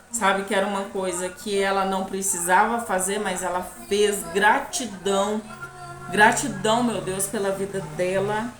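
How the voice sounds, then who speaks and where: Earnest Brazilian woman in an echoey room. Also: mid-range voice. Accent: Brazilian Portuguese. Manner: halting, earnest, often asks the listener "entende?". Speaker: channel host telling her life story. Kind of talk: personal testimony to camera.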